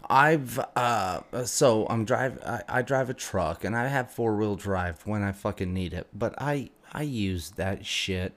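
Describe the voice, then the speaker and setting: A man's voice: on the low side, measured pace, hardly any pauses. A man from Utah in casual chat, joking bluntly and swearing often. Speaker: podcast guest, bartender.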